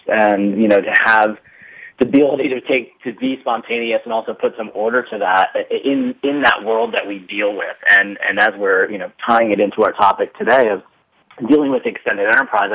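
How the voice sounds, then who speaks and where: Male panelist, lowish voice, talks in loose, meandering sentences. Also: fairly bright tone, lo-fi sound. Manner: rambling, many fillers and restarts. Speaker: panelist guest. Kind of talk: casual discussion.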